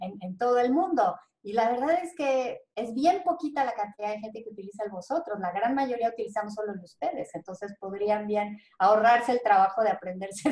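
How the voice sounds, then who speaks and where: A Mexican woman explains in an animated, rambling way, sounding out example words as she goes. Her voice has a middle pitch and carries a roomy echo. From central Mexico. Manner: animated, demonstrates pronunciations, many fillers. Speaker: linguist guest. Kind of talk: explanatory interview talk.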